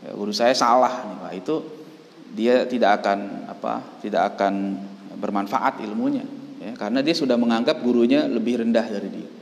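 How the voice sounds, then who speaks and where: A man's voice: fairly low pitch, normal speed, creaky. Indonesian man teaching in a reverberant hall. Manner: gentle storytelling, frequent "ya" tags. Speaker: religious teacher. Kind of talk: religious study lecture. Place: Islamic boarding school hall.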